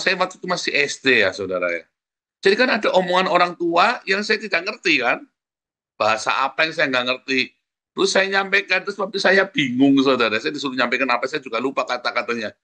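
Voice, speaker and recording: A man's voice: mid-range voice, sharp tone. A male pastor giving a conversational, humorous sermon with an Indonesian accent, telling family stories and often turning to the congregation. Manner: conversational and humorous, often adds "saudara ya" and laughs while telling a story.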